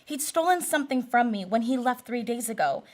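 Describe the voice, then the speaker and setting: Woman playing an anxious, high-voiced noir young lady. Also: expressive, brisk, lightly acted. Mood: guarded. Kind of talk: old-time radio drama acting.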